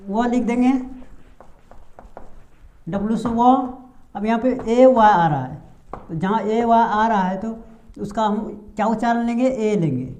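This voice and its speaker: A woman teaching a pronunciation lesson patiently and step by step, pausing on drawn-out fillers and asking the class rhetorical questions. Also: on the high side, darkish tone. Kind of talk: blackboard-style lesson explanation.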